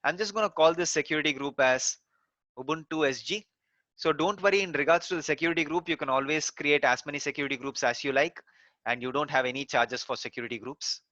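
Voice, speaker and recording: Talking fast in a slightly high, sharp voice, a male course instructor takes viewers through a screen-recorded technical tutorial step by step with plenty of "so" and "uh." The audio is dull, with no echo.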